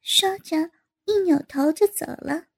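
A woman narrating an erotic audio story in a steady storytelling manner. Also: extremely high pitch, takes it slowly.

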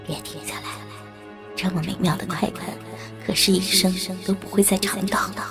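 A furtive, scheming middle-aged father, put on by a woman narrator, speaking in a dropped, gravelly register. He coaxes in a low murmur and slips into breathy whispers. Soft music plays faintly underneath. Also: steady tone, moderate pace, lightly acted. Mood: whispered urging. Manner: low coaxing murmur, inner thoughts whispered.

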